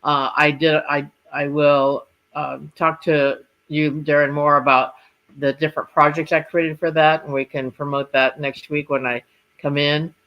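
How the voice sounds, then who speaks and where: A man with a slightly high voice walks through craft designs in a casual demonstration. He explains as a designer would, in a halting, informal flow. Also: flat delivery, muffled recording. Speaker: machine embroidery designer presenting designs.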